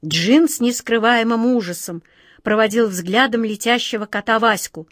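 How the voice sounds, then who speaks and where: A woman narrating a children's fairy tale audiobook in an expressive, measured way. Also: fairly high pitch, no room sound, studio quality.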